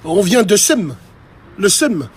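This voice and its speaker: A man's voice: high-pitched, big pitch swings, takes it slowly, slightly rough. A man ranting on a live stream, talking straight to his chat in a crude, provocative and mocking way. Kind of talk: casual live-stream rant.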